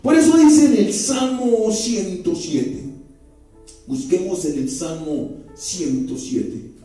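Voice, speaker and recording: A man preaches a sermon, keeping it conversational and constantly asking his congregation questions. His voice sits very high yet sounds dark and mellow. It comes from well off the mic in a strongly reverberant hall, with faint music underneath. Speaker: pastor. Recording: very echoey church hall from far off, faint music.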